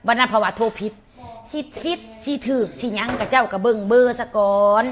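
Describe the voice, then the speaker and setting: A woman's voice: a little high, fairly even intonation, a little fast, faint music behind. A young woman with a Lao accent tells a story to camera as a channel host. She talks bluntly and coarsely and rattles off repeated words.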